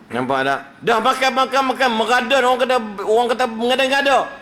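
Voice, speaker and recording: A man's voice: extremely high pitch, lively intonation, fast talker, sharp tone. A man giving a humorous religious lecture, telling stories with jokes and acted-out quotes.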